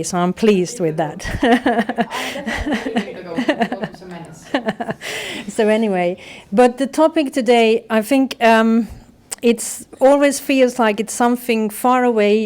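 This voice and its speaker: A woman's voice: fairly high pitch, darkish tone. Woman giving casual welcome remarks. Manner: friendly, rambling with fillers. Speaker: event organizer.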